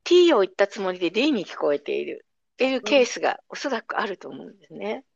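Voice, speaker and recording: A middle-aged woman who teaches language, patiently explaining pronunciation in a relaxed conversation. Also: medium pitch, fast talker, vocal fry, no room sound. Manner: patient, explanatory, lively intonation. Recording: dry, dull lo-fi sound.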